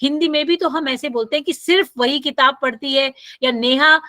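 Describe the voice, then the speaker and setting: A woman's voice: high-pitched, moderate pace, bright, forceful tone, dry recording. A woman lecturer, teaching a grammar class and reading example sentences aloud with careful stress. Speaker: English lecturer.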